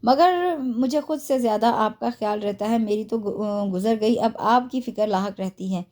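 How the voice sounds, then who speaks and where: A woman voicing a tired, affectionate older father in a novel reading, in her own mellow voice. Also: a little high, moderate pace, natural voice. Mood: tender.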